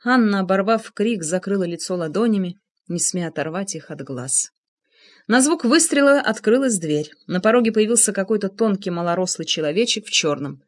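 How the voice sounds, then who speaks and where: A woman narrating an audiobook with an expressive, dramatic reading. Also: medium pitch, normal speed. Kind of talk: scripted narration.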